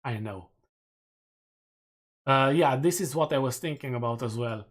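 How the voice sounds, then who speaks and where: Going over poll results from his community, a streamer with a Romanian accent jokes at his own expense in a laid-back chat. His mid-range voice is a little slow and slightly rough.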